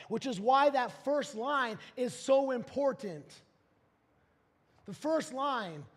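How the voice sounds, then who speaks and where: Man, pastor, high-pitched voice, live sermon, hushed to emphatic, stumbling restarts, long hall reverb. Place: church auditorium.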